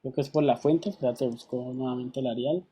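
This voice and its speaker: A man leads an online design class, walking through each step with unhurried patience. His voice is mellow and warm. He keeps asking his students over the call whether they are following. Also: mid-range voice, husky. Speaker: teacher.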